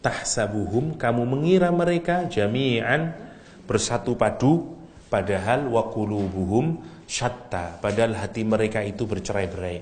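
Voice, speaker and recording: A man giving a lively, teasing religious lecture and reciting Arabic verses. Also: fairly low pitch, moderate pace. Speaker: Islamic preacher. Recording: echoey hall, faint room noise.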